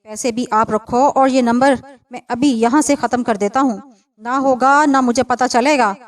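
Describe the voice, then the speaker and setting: A woman reads an angry young village man from a storybook, blunt and commanding. The voice stays slightly high. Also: moderate pace, natural voice.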